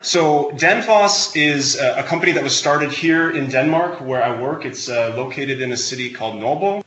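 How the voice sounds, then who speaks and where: Man with a bright, roomy sound. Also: on the high side, normal speed. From Wisconsin, United States. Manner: relaxed, explanatory, with many uh fillers. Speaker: guest. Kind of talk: interview answers. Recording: roomy sound, faint background ambience.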